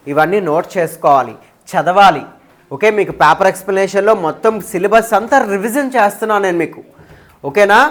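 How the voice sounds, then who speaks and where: A woman teacher taking a live class of students through an exam paper. She mixes in English terms and keeps checking with them. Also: medium pitch.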